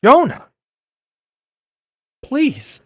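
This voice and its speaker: A man playing a youthful, earnest masked superhero in an audio drama, speaking with emotional, imploring and halting delivery. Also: extremely high pitch, wildly swooping pitch, no room sound, heavily acted. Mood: pleading. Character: youthful earnest masked superhero, joking but pleading and wounded.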